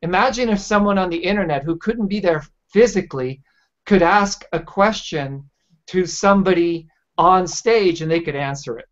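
A man hosts a casual video-call conversation, telling stories in a rambling, enthusiastic way. His voice is high and his speed normal, with dull lo-fi video-call audio.

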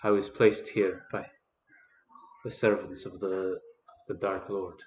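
Gruff, pleading male dungeon captive, played by a man at the game table, halting delivery, roomy muffled recording. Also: low-pitched, little pitch movement, slight background noise, pitched below the performer's own voice. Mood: guarded, halting. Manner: halting, subdued. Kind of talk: tabletop role-play. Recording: dull, echoey video-call audio.

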